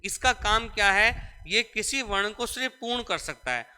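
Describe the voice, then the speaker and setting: A man's voice: sits high, animated, moderate pace, sharp tone, clear, resonant tone. A young man teaching grammar in a classroom lecture. He explains step by step, repeats key points and calls his students "beta". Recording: echoey room with long reverb.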